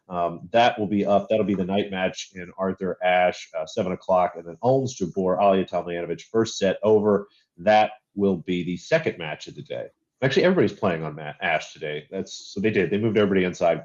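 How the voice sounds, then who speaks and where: A man's voice: low-pitched, a little mellow. A man co-hosting a sports betting podcast, giving tips in a laid-back, matter-of-fact way. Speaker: podcast co-host. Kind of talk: casual sports betting chat. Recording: dull lo-fi audio.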